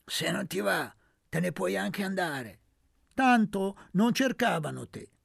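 A woman's voice: on the low side, lively intonation, normal speed, gravelly, breathy edge, no room sound, studio quality, pitched above the performer's own voice, full character voice. A man voicing a coarse older woman who runs a brothel, brusque and scolding in an audiobook reading. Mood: mocking. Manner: brusque, scolding, sharp-tongued.

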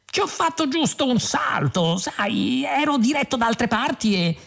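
A woman's voice: medium pitch, big pitch swings, moderate pace, a little mellow, pitched above the performer's own voice. A woman voicing a flashy, boastful two-headed alien man who talks in a breezy, evasive way.

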